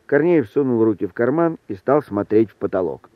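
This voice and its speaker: A man reading a story aloud in an even, wry narrating manner. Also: medium pitch, fairly quick, no echo. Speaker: audiobook reader. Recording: thin phone-like sound, dry.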